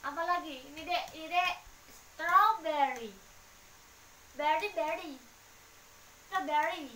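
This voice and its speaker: A woman's voice: high voice, slow, pushed and bright. A mother in a home video coaxing her toddler to point at pictures and name things, in a sing-song voice. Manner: sing-song, coaxing talk to a small child. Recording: echoey, distant home-video sound with noise.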